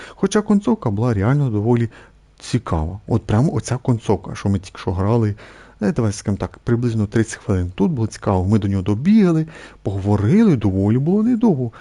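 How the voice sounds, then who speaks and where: A young man casually commenting on a game he just played, complaining at length, repeating himself and filling pauses with hesitations. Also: fairly low pitch, sing-song, warm tone. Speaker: gameplay streamer.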